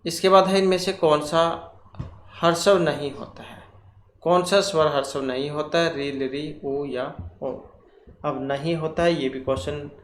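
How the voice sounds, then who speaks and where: Slow, deliberate male grammar teacher. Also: fairly high pitch, steady tone. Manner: slow and deliberate, repeats key terms and asks himself questions. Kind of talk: exam-prep lesson going through quiz questions. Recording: echoey room, faint ambient noise.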